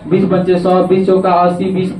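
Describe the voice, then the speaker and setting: A man's voice: sits high, completely flat delivery, moderate pace, a little mellow, slight background noise. A male teacher, giving a classroom math lesson and often checking that students understand. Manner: coaxing, repeats checks on understanding. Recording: echoey classroom from far off.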